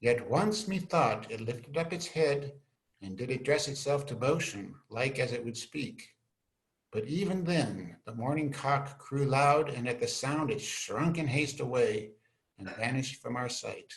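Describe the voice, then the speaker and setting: Over a video call from indoors, an amateur male actor plays an earnest young scholar devoted to a prince, his medium-pitched voice expressive and mid-range. The Shakespearean verse comes out measured and respectful, staged-reading style, with an earnest, awed mood. The audio is poor.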